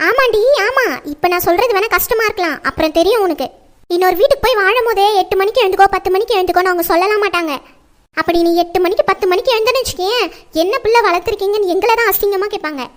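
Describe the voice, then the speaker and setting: Casting: woman as fretful, lecturing mother, very high and piercing, family drama. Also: fairly quick, fairly bright tone. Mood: scolding. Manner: scolding, lecturing. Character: nagging middle-aged mother, strict and fretful.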